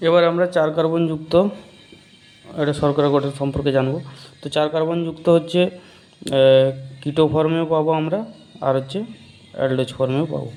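A man with a somewhat high voice and a Bengali accent leads a lesson. He poses questions, answers them himself, and says each key term slowly and more than once. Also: fairly even intonation, a little mellow. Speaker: biology teacher. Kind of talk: whiteboard chemistry lesson.

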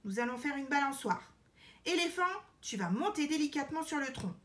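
A wise bonobo queen, as a woman storyteller puts her on. She is calm and firm, speaking a bit higher, and gently scolds the others. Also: a little fast. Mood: resolute.

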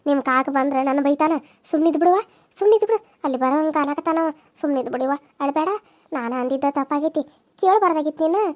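A woman voicing an older village aunt who soothes and gently advises, with a North Karnataka accent. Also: high voice, natural voice. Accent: North Karnataka Kannada. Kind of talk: cartoon serial dialogue.

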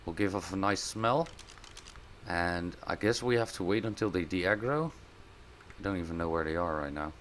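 A man with a lowish voice giving casual gameplay commentary as host of a let's play. He talks through what he is doing and often breaks into loud, surprised outbursts. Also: moderate pace. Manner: excitable, bursts into loud surprised exclamations.

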